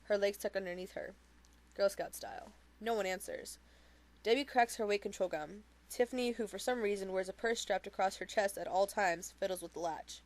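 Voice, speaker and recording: A woman reading a novel aloud in the first person, in a steady, plain way. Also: medium pitch, normal speed. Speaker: reader of a novel.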